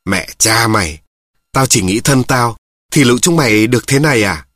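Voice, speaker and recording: A man's voice: medium pitch, animated, normal speed, a bit bright, dry recording, clean studio sound. A man reading a story, voicing a blunt, coarse old father who swears at his children. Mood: cursing.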